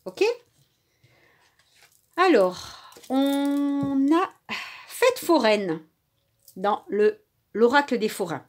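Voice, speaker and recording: A woman with a husky, mid-range voice does tarot and oracle card readings for her viewers. Her manner is relaxed and talkative, peppered with small fillers and occasional verbal stumbles.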